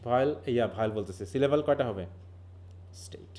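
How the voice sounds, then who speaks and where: A man's voice: mid-range voice, fast talker, crowd noise. A man from Bangladesh teaches linguistics in a live online class. He explains patiently, mixes in English terms, and keeps asking his students questions.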